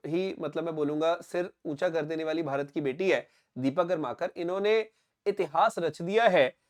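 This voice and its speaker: A young Indian man teaching a current affairs lesson for exam candidates, explaining step by step, often checking that it is clear and slipping into English phrases. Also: a little high.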